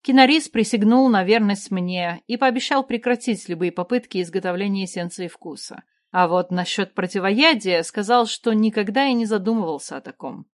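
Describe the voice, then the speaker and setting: A woman narrating a fantasy audiobook in the first person, in an even, measured storytelling manner, on a close mic. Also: medium pitch, dry recording.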